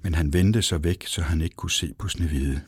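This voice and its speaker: A man narrates a fairy tale in a deep, husky voice, with expressive and dramatic reading. The sound is dry and close, with no room around it. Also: no room sound. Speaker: storyteller. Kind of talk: storybook narration.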